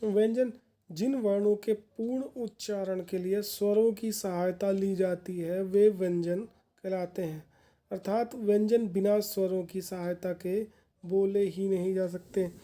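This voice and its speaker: A woman's voice: medium pitch, steady tone, unhurried, warm tone. A woman teacher giving a grammar lesson for exam candidates, explaining patiently and repeating points in plain words.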